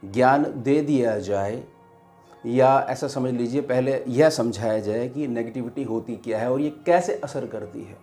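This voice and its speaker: A man, a spiritual teacher, giving a devotional teaching talk in a slow, measured way with pauses. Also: mid-range voice, creaky, darkish tone.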